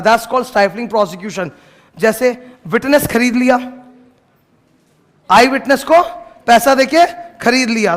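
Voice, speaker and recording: High-voiced man lecturing in a hall. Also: fairly bright tone. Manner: casual, scolds noisy class, mixes English terms. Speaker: law teacher. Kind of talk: classroom lecture. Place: classroom. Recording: long hall reverb.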